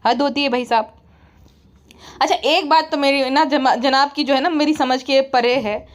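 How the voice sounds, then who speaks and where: Woman commentator, high voice, sarcastic, chatty, mocking parody. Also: fairly even intonation, normal speed. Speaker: comedy commentator.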